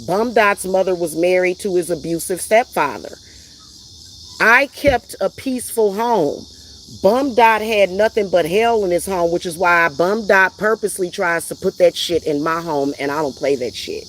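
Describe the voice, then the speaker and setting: A woman's voice: fairly low pitch, normal speed, a little hiss or hum. A woman vlogger ranting in a heated, emphatic, profane way, repeating herself for emphasis. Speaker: vlogger and spiritual reader. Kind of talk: heated personal rant.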